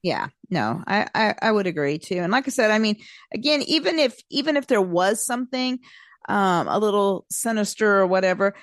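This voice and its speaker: A woman's voice: mid-range voice, lively intonation, moderate pace, dry recording, clean studio sound. A woman co-hosting a casual talk show, chatty and a little hesitant, often laughing between points. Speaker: podcast co-host. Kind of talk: casual chat.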